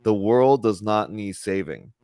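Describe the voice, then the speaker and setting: A man's voice: fairly low pitch, a little slow, dark tone, dry recording, clean studio sound. Chatty man in his thirties hosting. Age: 30s. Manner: earnest, chatty, with frequent self-corrections. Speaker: spiritual group host. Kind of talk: casual spiritual talk. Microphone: video call.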